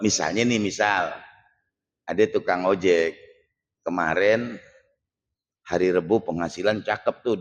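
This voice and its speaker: A man preaching a casual, humorous sermon and teasing his audience with rhetorical questions. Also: mid-range voice. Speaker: Islamic preacher. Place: mosque hall. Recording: long reverb of a mosque hall.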